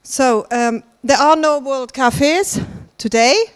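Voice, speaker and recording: Her voice sits high and comes out slow and smooth. She's a German conference host giving a stage address in a large conference hall, bantering with the audience and frequently laughing.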